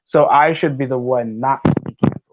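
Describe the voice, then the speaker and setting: A man's voice: medium pitch, fairly quick, lo-fi sound. A man on a wrestling watch-along panel, ranting bluntly in casual chat and swearing freely.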